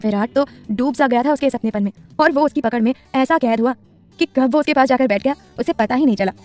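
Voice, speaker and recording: Brief: quick, somewhat high-voiced woman narrator for a romance serial, soft music behind. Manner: reads with expressive dialogue voices. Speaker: storyteller. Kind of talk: scripted story narration.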